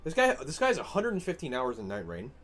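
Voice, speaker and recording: A young man ranting angrily over an online game, swearing a lot and swinging between shouts and low muttering. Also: huge pitch swings, a little fast. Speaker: gaming streamer. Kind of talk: ranting gameplay commentary.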